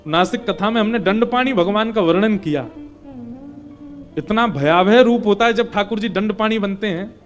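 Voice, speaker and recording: A male devotional preacher retells a scripture story and stops to explain its meaning with emphatic stress. He now and then slows into chanted verse. His voice sits high, and soft instrumental music hums underneath.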